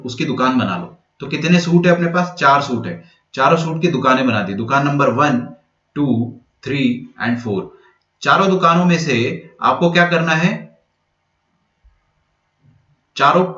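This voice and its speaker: A young man teaching maths for entrance exams, who keeps asking questions and then answering them himself, and who mixes English phrases into his Hindi. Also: on the high side. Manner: lively, asks and answers his own questions. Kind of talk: exam-prep lecture. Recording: echoey room, dull lo-fi sound.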